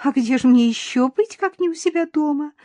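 Storybook mother-in-law, middle-aged, honeyed and high-pitched, sly, read by a woman. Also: a little fast, a little mellow, no echo, close to an everyday voice. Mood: sugary. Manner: cloying, lisping-sweet cooing.

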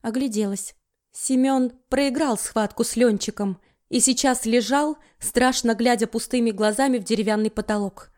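A woman reading a dramatic audiobook with an expressive delivery. Her voice sits somewhat high for a woman. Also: moderate pace. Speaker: audiobook narrator. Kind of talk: audiobook narration.

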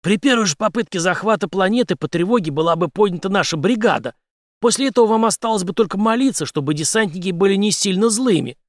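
A man's voice: high voice, lively intonation, fast talker, no echo, clean studio sound, pitched above the performer's own voice. A man voicing a confident, mocking male special-forces commander who speaks in a cool, menacing way. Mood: coolly menacing.

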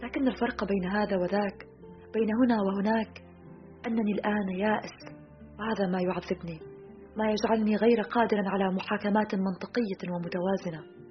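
A woman narrating an audiobook novel in a steady, calm reading voice. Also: medium pitch, a little fast. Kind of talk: scripted literary narration. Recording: slightly muffled, soft guitar music behind.

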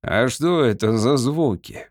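A man's voice: mid-range voice, takes it slowly, dry recording, clean studio sound. A man voicing an impatient, hot-tempered male lord who barks orders, in an audiobook. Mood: commanding. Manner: shouting, commanding, excitable.

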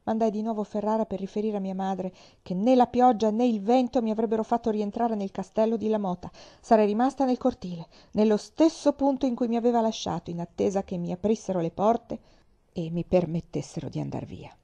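Female narrator for a historical novel, warm and expressive, mid pitch. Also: fairly quick, highs cut off. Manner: expressive first-person narration. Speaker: reader. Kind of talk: dramatic reading of a novel.

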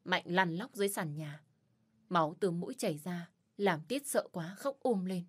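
A woman's voice: on the low side, lively intonation, normal speed, husky. A woman telling a tense, emotional first-person story as narrator. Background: faint music.

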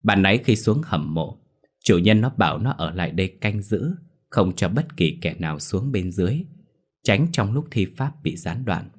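Low-voiced man narrating a horror tale. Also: animated, normal speed. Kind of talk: scripted horror story narration.

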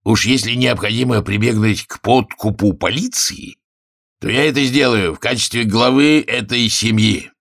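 A man's voice: fairly low pitch, moderate pace, gravelly, fairly bright tone, pitched above the performer's own voice. Brief: man as pompous family patriarch, raised declaiming voice, audiobook. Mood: grandiose. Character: pompous older male family head, grandiose.

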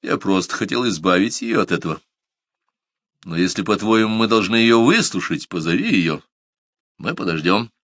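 A man's voice: on the low side, lively intonation, normal speed, a bit bright, no room sound, studio quality. A man reading the part of a proud, stubborn young man in an audiobook, speaking in strained, clipped replies.

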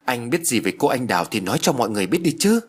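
A young village man in an audio story explains events to the family, played by a man. The voice is husky and close to a plain speaking voice. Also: medium pitch, big pitch swings, rapid-fire. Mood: explaining. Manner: hushed, explaining.

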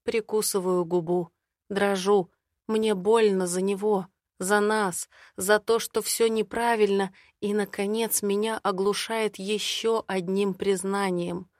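A woman narrating an audiobook in the first person in a soft, measured way. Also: mid-range voice, steady tone, no echo, studio quality.

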